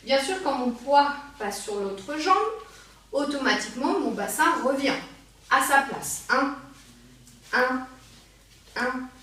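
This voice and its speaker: A woman's voice: sits high, expressive, measured pace, fairly bright tone. Woman counting beats in an echoey studio. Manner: counts beats and repeats cues rhythmically while dancing. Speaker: belly dance teacher. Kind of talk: dance tutorial with counting. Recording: echoey room, voice from a distance.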